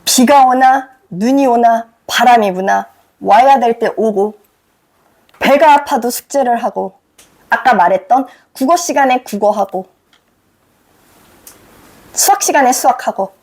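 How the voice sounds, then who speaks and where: A woman's voice: a little high, unhurried, long pauses, darkish tone. A middle-aged woman teacher lecturing students directly, emphatic and scolding, firing rhetorical questions at them. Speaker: teacher giving advice to students.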